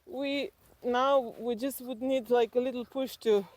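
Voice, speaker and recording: A woman from Slovenia, interviewed as a guest, tells personal stories thoughtfully and haltingly in her Slovenian accent. The dry recording captures a fairly high, steady, slightly mellow voice.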